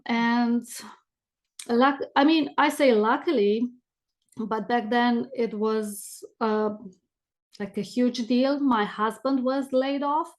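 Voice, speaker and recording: With a fairly high pitch and a slow delivery, a middle-aged woman with a strong Romanian accent speaks as a podcast guest. She works as a business coach and shares stories in an easygoing interview.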